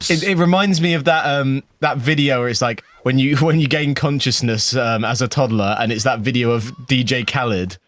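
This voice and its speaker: A man co-hosting a casual chat, trading quick, laughing banter. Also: medium pitch, a bit bright, no echo. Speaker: podcast co-host.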